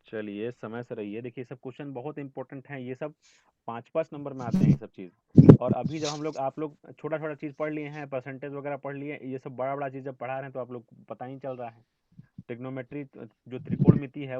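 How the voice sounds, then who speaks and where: A man's voice: mid-range voice, no room sound, lo-fi sound. A man teaching a math lesson over an online class, explaining step by step and often checking with his students. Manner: explains step by step, asks "ठीक है?" often, scolds students gently.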